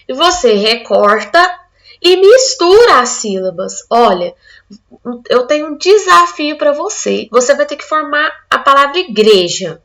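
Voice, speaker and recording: A woman's voice: high-pitched, sing-song, a little slow, fairly bright tone. A woman from Brazil teaching an online literacy lesson, explaining step by step and acting out a child's answers.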